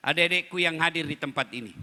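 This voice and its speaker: A male preacher delivers a dramatic storytelling sermon at a condolence gathering and calls out directly to his audience. His voice is high and piercingly bright. It carries a long reverberant tail from the hall. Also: quick pace.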